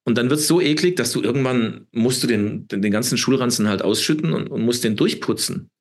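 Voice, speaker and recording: Husky man in his fifties, preachy. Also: mid-range voice, expressive, fairly quick. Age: 50s. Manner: preachy, emphatic, repeats words and tags with "ne?". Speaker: interview guest. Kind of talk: impassioned interview talk.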